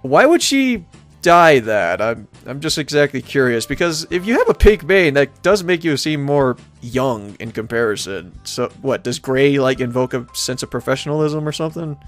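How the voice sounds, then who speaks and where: In a casual let's play, a man narrates a visual novel, moving between reading the text and making playful, wry remarks. His voice is medium in pitch with big swings, at a normal speed, and music plays behind him.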